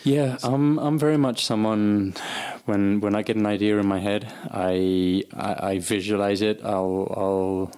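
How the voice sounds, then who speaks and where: A man's voice: fairly low pitch, fairly even intonation, a little slow, few pauses, a little mellow, clean tone. A man, a former professional cyclist, casually recounting racing stories with many fillers and restarts. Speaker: former pro cyclist guest. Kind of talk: casual conversational storytelling.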